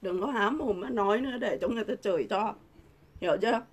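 Speaking fast at a medium pitch, a middle-aged woman vlogger fires off an angry political rant to camera. It's combative and insulting, packed with rhetorical questions.

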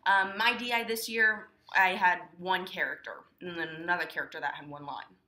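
A woman's voice: fairly low pitch, steady tone, moderate pace, pushed and bright, echoey room. A teenage girl explaining dramatic interpretation in a casual, chatty way, with lots of ums and likes. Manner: chatty, many fillers like um and like. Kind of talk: casual instructional talk.

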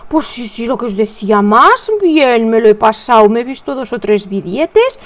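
Chatty high-voiced woman crocheting. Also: lively intonation, moderate pace. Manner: chatty, counts stitches under her breath, addresses viewers as "reinas". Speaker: crochet tutorial host. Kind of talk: casual chatty crochet tutorial, counting stitches aloud.

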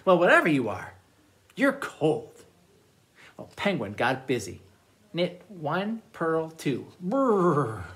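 Male children's librarian, storytime read-aloud; very expressive pitch, slow and deliberate.

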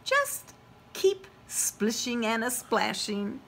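A woman voicing a gentle, caring mother frog who speaks in a motherly, soothing way. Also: mid-range voice, big pitch swings, measured pace.

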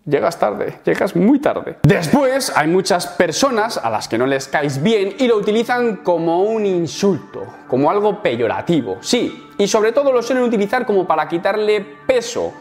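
Spanish man with a lively, swinging voice. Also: high voice, normal speed, faint music behind. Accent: Spanish from Spain. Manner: sarcastic, swearing, acts out little scenes. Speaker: YouTuber. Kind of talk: comedic vlog monologue.

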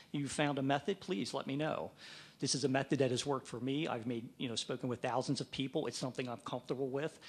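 This Mid-Atlantic fundraising trainer has a medium-pitched, slightly rough voice. He talks practically and without frills, playing out example phone conversations.

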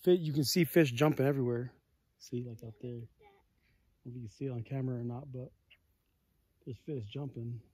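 A man's voice: mid-range voice, fairly even intonation, normal speed, pauses often, darkish tone, husky, dry recording. Laid-back man vlogging by a lake. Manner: laid-back, rambling, peppered with fillers. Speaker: vlogger on a family fishing trip. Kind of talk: casual explanatory chat. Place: outdoors on a mountain lakeshore. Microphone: phone at arm's length.

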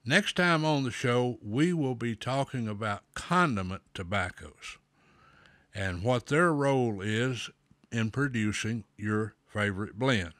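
A man hosting a pipe smoking show, giving slow, folksy advice with a pipe in his mouth. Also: mid-range voice, lively intonation, a bit bright, dry recording. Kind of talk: casual talk to camera.

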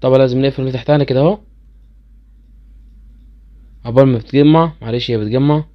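Talking fast in an Egyptian Arabic accent, a gaming channel host explains a game's skills in casual commentary. His voice is medium-pitched and the audio sounds dull. He's chatty, speaks straight to viewers, and gets incredulous easily.

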